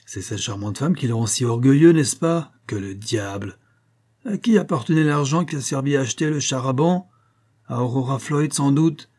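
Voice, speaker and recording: A man reading an audiobook, voicing a contemptuous, hot-tempered young male horse trainer who shouts insults at his servant. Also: mid-range voice, normal speed, voice pushed up, close to an everyday voice. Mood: furious. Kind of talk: audiobook character voice.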